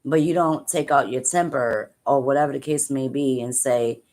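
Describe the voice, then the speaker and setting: A tearful mother talking to viewers on a livestream, halting and repeating herself as she speaks, upset and angry. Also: a bass voice, darkish tone. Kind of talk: emotional live-stream talk.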